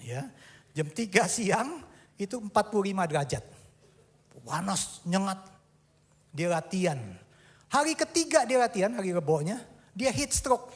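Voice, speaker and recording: A man delivers a sermon in a notably high voice. He acts out the dialogue of his own stories, jumping between loud, excited bursts and hushed, low asides. He drops English phrases in as he goes. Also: unhurried, pauses often, slightly rough. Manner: tells personal stories with acted dialogue. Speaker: preacher.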